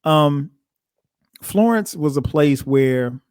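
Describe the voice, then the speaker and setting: A man in his forties, a podcast host from South Carolina, casually telling his own story in a reflective, thinking-aloud way with frequent soft chuckles. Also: a little high, expressive, slow pace, smooth, no echo, studio quality.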